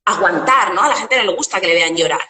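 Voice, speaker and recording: Woman, bright higher voice, coaching guest who asks and answers her own questions; recorded in an echoey room, somewhat off-mic. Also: fast, recorded from a distance. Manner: animated, explains with metaphors and rhetorical questions.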